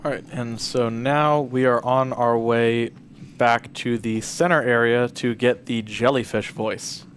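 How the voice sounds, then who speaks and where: A man's voice: mid-range voice, fairly even intonation, measured pace. Man doing live game commentary over noise. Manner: talks to the game characters while playing. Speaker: speedrunner playing live at a charity marathon. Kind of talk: live game commentary, explaining the run casually.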